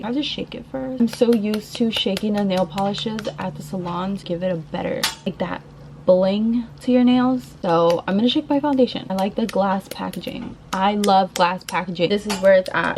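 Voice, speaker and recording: A woman's voice: medium pitch, darkish tone. Chatty woman vlogger, noisy rainy background. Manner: chatty, girly informal talk to viewers. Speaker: beauty vlogger. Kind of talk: casual makeup tutorial chat to camera. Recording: clear background noise of rain. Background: rain.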